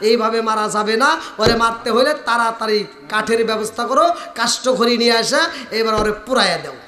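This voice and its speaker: Cruel arrogant villain, put on by a Sirajganj-accented preacher; high, bright, echoing. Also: male voice, steady tone, fast, slight background noise. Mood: scheming. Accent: Sirajganj Bengali.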